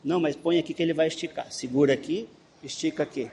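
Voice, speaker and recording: A man's voice: fairly high pitch, fast, a little mellow. A man teaching a children's Bible class, coaxing and encouraging them and repeating instructions. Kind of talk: leading a children's game. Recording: echoey room, faint background noise.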